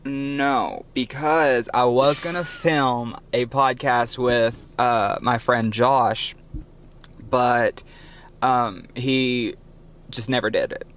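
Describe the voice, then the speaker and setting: A man's voice: mid-range voice, steady tone, drawn-out words, a bit bright. A young man co-hosting a casual podcast, telling stories and correcting himself as he goes, into a budget microphone. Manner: chatty, self-correcting storyteller. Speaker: podcast co-host. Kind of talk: casual chat.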